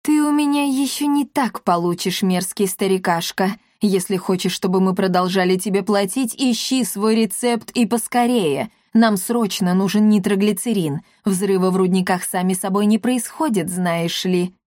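A woman voicing a cold, commanding mysterious woman who speaks calmly and threateningly. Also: mid-range voice, normal speed, few pauses, no room sound, clean studio sound, natural voice. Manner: calm, icy, threatening. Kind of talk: audiobook character voice.

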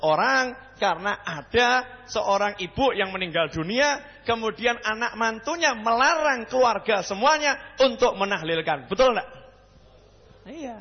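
A man's voice: high-pitched, a little slow, husky, in a large hall, dull audio. A man with a Javanese accent preaching a sermon, who keeps asking the crowd questions and joking. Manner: questions the crowd, jokey, lively. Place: mosque hall.

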